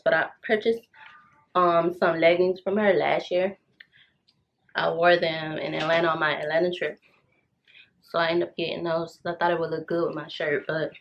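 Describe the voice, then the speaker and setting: An American woman in her thirties with a lowish, fairly bright voice films a casual, chatty get-ready-with-me vlog in her bedroom at home. She uses slangy girl-talk and calls her viewers y'all. The audio is dull, with room noise.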